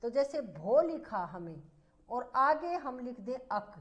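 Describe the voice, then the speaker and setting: A woman teacher giving a slow, repetitive grammar lesson, asking the class questions as she explains. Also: on the high side, big pitch swings, lo-fi sound. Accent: Hindi.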